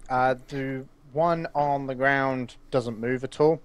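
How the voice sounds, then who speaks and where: A man narrating as game master of a tabletop game, pausing often with uh and um. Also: medium pitch, steady tone. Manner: halting, lots of uh and um.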